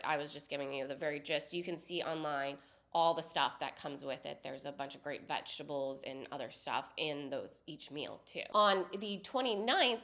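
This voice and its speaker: Fighting a head cold, this woman co-hosts a podcast and talks through local happenings in a relaxed, friendly manner. Her pitch is fairly low and her tone fairly bright as she chats through each event and its details.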